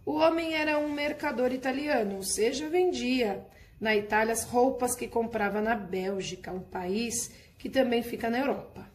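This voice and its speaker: A patient woman teacher walks her class through a workbook lesson step by step at a normal speed. Her voice sits fairly high, and she checks in with the students regularly as she goes.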